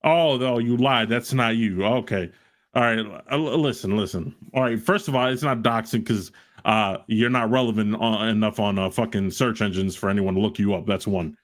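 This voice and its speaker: A man hosting a stream, loudly mocking and trash-talking another caller, repeating his insults. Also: on the low side, normal speed. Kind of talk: heated trash talk on a live stream.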